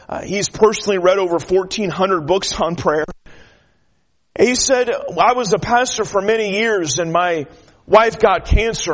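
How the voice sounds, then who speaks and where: A man preaching a sermon as a traveling preacher, earnest, restarting often and building to emphatic declarations. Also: sits high. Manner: shy by nature.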